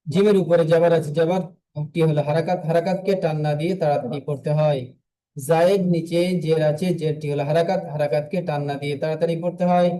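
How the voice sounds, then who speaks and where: A man from India teaching an online Quran reading class, drilling Arabic letters and vowel marks in slow, drawn-out, steadily repeated recitation. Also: a little high, warm tone, poor audio. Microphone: online class link.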